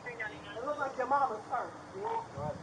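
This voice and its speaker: A distressed, defiant woman shouting and swearing outdoors at a house, caught on a police body camera. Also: on the high side, sing-song, slow pace. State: distressed, crying out. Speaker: detained woman in police bodycam footage. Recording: loud noisy outdoor bodycam audio.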